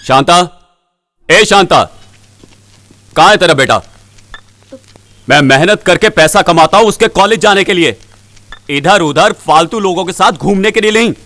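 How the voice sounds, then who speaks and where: A man's voice: on the high side, lively intonation, moderate pace, pushed and bright, dry recording. An actor dubbing a harsh, money-minded middle-aged father who bullies his family. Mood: angry. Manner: domineering, threatening. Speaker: stern father. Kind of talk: Hindi film dub acting.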